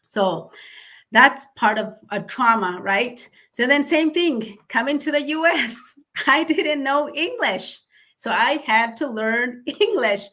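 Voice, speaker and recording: A middle-aged woman from Guatemala whose first language is Mayan, telling her life story earnestly, with frequent um pauses. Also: a little high, pushed and bright. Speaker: guest speaker. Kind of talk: personal storytelling.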